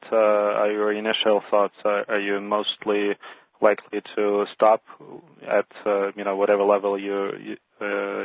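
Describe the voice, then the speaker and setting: A man's voice: lowish voice, vocal fry, no room sound. A man calling in over a phone line that breaks up, asking an analyst's question on an earnings call in a hesitant way, full of fillers and restarts. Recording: dull, dry phone line.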